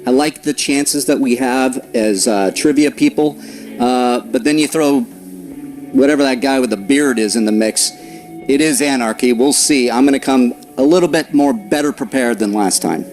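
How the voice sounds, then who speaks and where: Measured man, faint music behind. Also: medium pitch, a little mellow. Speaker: competitor in interview. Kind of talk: post-match interview.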